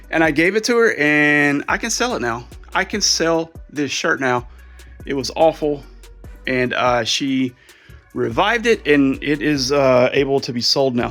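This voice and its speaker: A man's voice: fairly high pitch, a bit bright. A man casually talking through a pile of resale clothes, chatty and a little out of breath. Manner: chatty, thinking aloud while sorting clothes. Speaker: resale vlogger. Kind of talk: casual vlog commentary.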